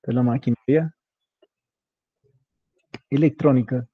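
A man's voice: medium pitch, steady tone, slow pace, breathy edge, no echo, narrow, tinny audio. A man, coaching a student step by step in an informal, casual way and spelling out small details. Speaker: instructor. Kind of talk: guiding a student through a web page setup.

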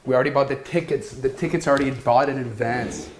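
A man making a casual, rambling, halting prank call as a new employee. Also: mid-range voice. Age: 20s. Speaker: prank caller. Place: small indoor office room. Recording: echoey room with faint noise.

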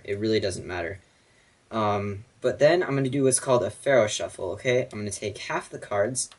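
Man, young adult, fairly low pitch, casual magician's patter, explanatory, frequent check-ins. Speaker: card magician and video host. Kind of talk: casual magic trick demonstration.

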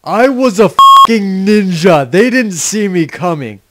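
Man playing a animated, sarcastic adventurer hero. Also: sits high, unhurried, no room sound, studio quality, exaggerated voice. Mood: boastful. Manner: sarcastic, exasperated, theatrical. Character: sarcastic, boastful, short-tempered male adventurer. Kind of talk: parody game dub.

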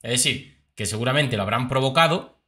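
Man, reality-show commentator, casual, many fillers, very bright tone. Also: medium pitch, a little fast. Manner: chatty, full of fillers and repeats, explains clips.

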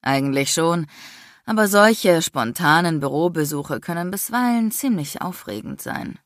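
A woman's voice: fairly low pitch, sing-song, measured pace, no room sound, studio quality. A woman voicing a self-assured, flirtatious man in an audiobook. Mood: flirty. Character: smooth flirtatious man, confident lawyer.

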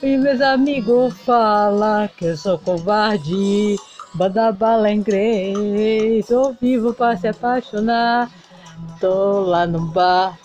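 A woman plays a heartbroken male doll bandleader, melodramatic and sing-song in a toy play-acting video. The voice sits high and drawls slowly. It comes through a dull lo-fi recording with band music faintly behind. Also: a little mellow. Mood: lovesick lament.

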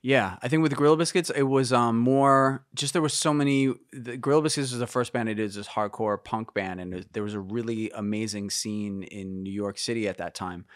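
A man's voice: mid-range voice, brisk, few pauses, no room sound, studio quality. A man in his fifties talking as a guest musician in a casual interview, reflective and meandering, with many fillers and restarts.

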